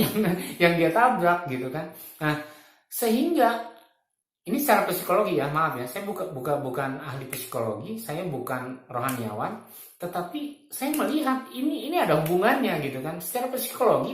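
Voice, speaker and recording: A man's voice: sits high, fairly bright tone, roomy sound. A man in his fifties giving spiritual reflections in a casual, colloquial way, often chuckling as he makes his points. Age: 50s.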